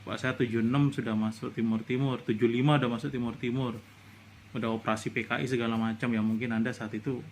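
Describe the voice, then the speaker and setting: A man's voice: medium pitch, creaky, a little hiss or hum. A middle-aged man from Indonesia giving a casual commentary monologue, indignant and lecturing, his voice rising into outbursts. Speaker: vlogger.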